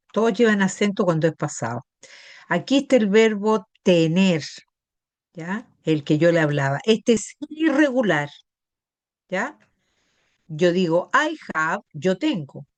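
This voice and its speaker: A woman's voice: fairly low pitch, no echo. A middle-aged woman teacher with a Chilean Spanish accent, patiently explaining grammar to a class and often checking that students follow. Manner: patient, checks understanding with tag questions. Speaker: English teacher.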